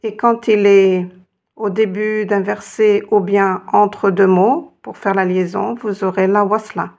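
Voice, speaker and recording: Brief: woman teacher, patient and encouraging, unhurried delivery with a gravelly edge. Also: mid-range voice, level tone, a little mellow. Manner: patient, encouraging, spells out sounds slowly. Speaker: Arabic teacher. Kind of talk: reading lesson.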